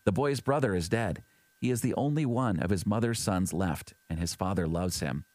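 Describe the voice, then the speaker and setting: A man reading scripture aloud in a measured, even way, giving quoted speech in his plain voice. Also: fairly low pitch, no room sound. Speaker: scripture reader. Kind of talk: steady scripted Bible reading.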